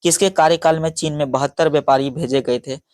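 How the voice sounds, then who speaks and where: Male tutor, slightly high voice, dry close sound, exam notes read with stumbles. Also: fairly even intonation, darkish tone, no echo. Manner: halting, stumbles over names and restarts, frequent sorry. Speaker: teacher.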